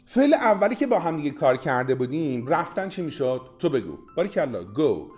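A man teaching a podcast language lesson, coaching the listener directly with quick prompts, drills and praise. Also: a little high, very animated, a little mellow, faint music behind.

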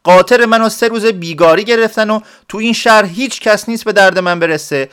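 Man playing a flustered village man, high pitched, loud, pleading, indignant, storybook reading. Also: expressive. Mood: indignant shouting.

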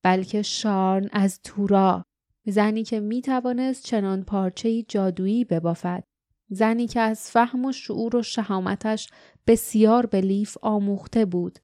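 A woman narrating an audiobook with steady storytelling. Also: medium pitch, dry recording, studio quality. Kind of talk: scripted narration.

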